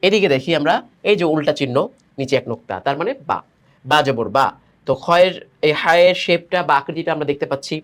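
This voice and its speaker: A man teaches Quran reading in a recorded step-by-step lesson. He spells each word slowly, letter by letter, joins the sounds, and asks quick quiz questions along the way. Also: on the high side, a bit bright.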